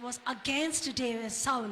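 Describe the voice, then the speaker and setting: A woman interpreting a sermon into English line by line, in plain, halting phrasing. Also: a little high, sharp tone, slight background noise. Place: church hall.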